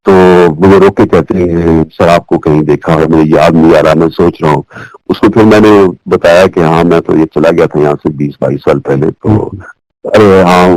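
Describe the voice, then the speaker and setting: A man's voice: low voice, no echo, rough recording. An older man, a former newsreader from Pakistan, telling stories from his broadcasting days in an easygoing interview. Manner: relaxed storyteller, acts out remembered lines. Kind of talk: reminiscing interview talk. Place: living in the United States.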